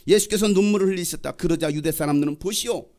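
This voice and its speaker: A male pastor delivers a sermon with a lively, swooping delivery and a slightly high voice. He tells the story vividly and acts out its voices as he goes. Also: brisk.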